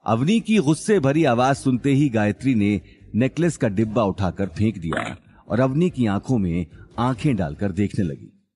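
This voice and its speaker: A male storyteller with a low voice reads a family drama aloud. His delivery is dramatic and expressive, his pitch rising and falling widely. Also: moderate pace. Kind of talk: scripted audiobook narration.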